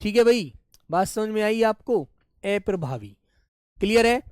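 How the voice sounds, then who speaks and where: Slow-spoken Hindi teacher drilling children. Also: male voice, sits high, lively intonation, clear, resonant tone, no echo, studio quality. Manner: repeats each word slowly, addressing children warmly as "pyare bachche". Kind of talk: live online class lesson.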